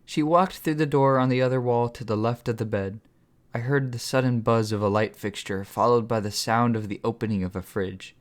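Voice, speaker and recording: A man, author and narrator, reading his own story in first person at a steady, measured pace. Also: medium pitch.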